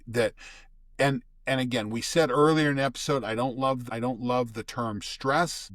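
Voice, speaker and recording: A man's voice: medium pitch, no echo. An older man talks as a podcast guest in a mid-range voice, explaining at length like a seasoned storyteller. He often stops and restarts a phrase before going on. The recording is dry and close. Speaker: guest expert. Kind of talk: casual conversational explaining.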